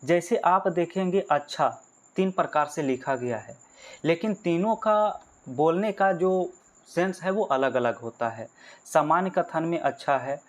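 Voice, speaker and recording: A male teacher giving an exam-prep grammar lesson. He explains step by step, asks and answers his own questions and calls his viewers friends. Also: a little high.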